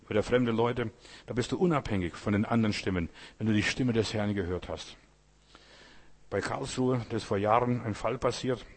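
A man preaching a sermon, addressing the congregation directly and often asking "you know?". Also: lowish voice. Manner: addresses listeners directly with "weißt du" and "Geschwister".

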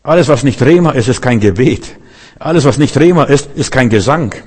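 A man with a husky, breathy voice delivers a loose, conversational sermon. He keeps turning to his listeners with little questions to check they follow. His pitch sits in an ordinary middle register. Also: lively intonation, brisk, a little mellow. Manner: talks straight to the listener, keeps asking "weißt du?". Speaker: preacher. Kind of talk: informal sermon.

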